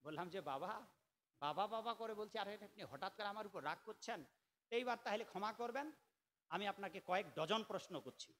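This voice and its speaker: A high-pitched, sharp-toned man preaches a sermon. He scolds and argues, moving from quiet asides to sudden loud outbursts. His voice rings out with a long hall echo. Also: normal speed.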